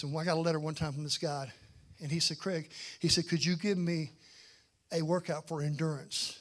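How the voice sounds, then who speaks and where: High-pitched animated male preacher. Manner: animated, swings from loud bursts to hushed low lines. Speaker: guest preacher. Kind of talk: sermon with personal storytelling.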